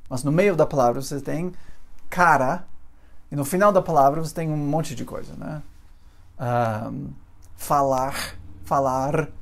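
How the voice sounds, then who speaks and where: Unhurried teacher, man. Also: on the high side, creaky, darkish tone. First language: English. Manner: patient, repeats sounds slowly with drawn-out examples. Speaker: English teacher. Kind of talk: pronunciation lesson.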